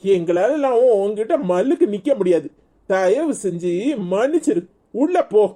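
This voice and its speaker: A woman's voice: medium pitch, very animated, moderate pace, dark tone. A woman voicing a weary, exasperated husband in a cartoon, scolding and fed up, with a Tirunelveli Tamil accent.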